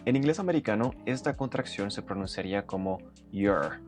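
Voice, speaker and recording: Low-voiced man teaching pronunciation. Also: lively intonation, brisk, loud music behind the voice. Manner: methodical, breaks down sounds step by step; demonstrates sounds aloud. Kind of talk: explanatory lesson narration.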